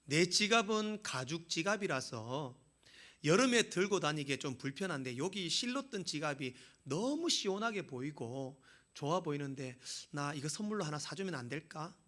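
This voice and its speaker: A man voicing a sweet young newlywed wife from Seoul with a Seoul accent, asking softly and coaxingly in a drawn-out way. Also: fairly high pitch, expressive.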